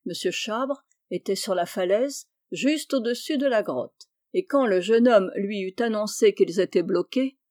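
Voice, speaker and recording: A woman reading a classic story aloud in measured, descriptive narration. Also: medium pitch, darkish tone, no room sound, studio quality. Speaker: reader.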